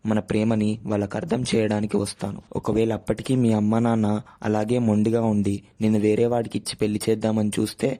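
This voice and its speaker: A man playing a calm, principled young man who reasons gently in a storybook drama. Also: lowish voice, close to an everyday voice.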